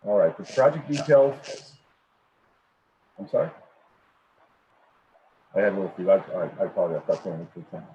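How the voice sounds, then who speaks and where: Muffled low man, as if through a wall. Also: lively intonation, dark tone. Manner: halting, with many ums and repeated words. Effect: muffled, as if heard through a wall. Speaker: project presenter at a public meeting. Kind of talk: formal presentation over a video call. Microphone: computer microphone on a video call. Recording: muffled, tinny online-meeting audio with faint noise.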